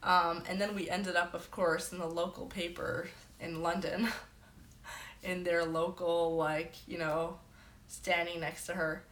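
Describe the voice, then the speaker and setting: A woman's voice: lowish voice, level tone, unhurried, a bit bright, echoey room. A woman hosting a casual livestream from her bedroom, telling stories in a chatty way full of "like". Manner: chatty storyteller, heavy "like" filler. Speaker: livestream host.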